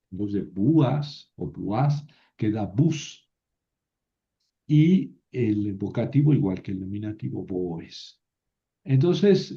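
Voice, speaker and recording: A man gives a slow, deliberate grammar lecture, pausing on fillers and asking his students to confirm each step. His voice sits at a middle pitch. The recording is somewhat muffled and lo-fi. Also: warm tone. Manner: patient, halting explanation with many fillers and tag questions. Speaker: teacher. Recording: slightly dull, lo-fi sound.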